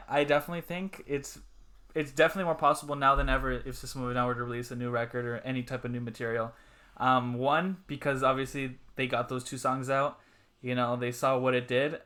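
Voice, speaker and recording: A man's voice: medium pitch, a bit bright. Casual male podcast host. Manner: earnest, frequent "you know" fillers.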